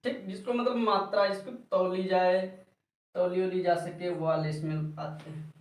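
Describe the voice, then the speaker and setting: A man's voice: high voice, fairly even intonation, moderate pace. A man teaching a grammar lesson, asking questions and answering them himself, and calling his students child and brother. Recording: echoey room, voice far from mic.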